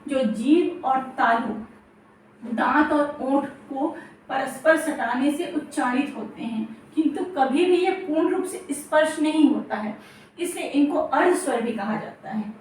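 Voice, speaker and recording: A woman's voice: high voice, unhurried, a little hiss or hum. A woman teacher giving an exam-prep grammar lesson, repeating key terms and checking understanding as she goes. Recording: very echoey room, distant mic.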